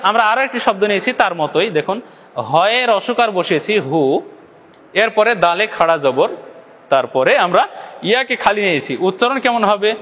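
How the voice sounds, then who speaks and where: A man's voice: high-pitched, expressive, fairly quick, fairly bright tone, in a large hall. A man from Bangladesh teaching Quran recitation step by step, asking questions, answering them himself and stretching out demonstration syllables to the viewers. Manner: addresses viewers directly. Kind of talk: step-by-step lesson.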